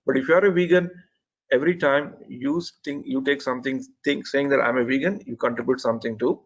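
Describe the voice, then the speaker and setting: A man's voice: mid-range voice, fairly even intonation, fairly quick, lo-fi sound. Man giving earnest feedback over a call. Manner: earnest, methodical critique with frequent restarts. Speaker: presentation evaluator. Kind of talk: spoken feedback on an online talk.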